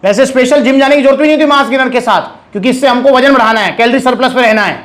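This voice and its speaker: A young man with a notably high-pitched voice speaks casually to his viewers. He is direct and chatty, calls them brothers, and hammers home each point by repeating it. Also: rapid-fire, a bit bright. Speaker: supplement shop owner giving advice. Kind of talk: casual advice video to camera.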